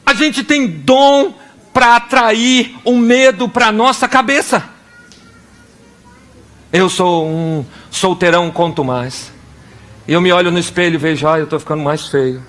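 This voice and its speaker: Speaking in a high-pitched, unhurried way, this young man from Brazil delivers a sermon as a pastor. His Brazilian Portuguese accent comes through as he animatedly plays out little scenes and prayers using different voices.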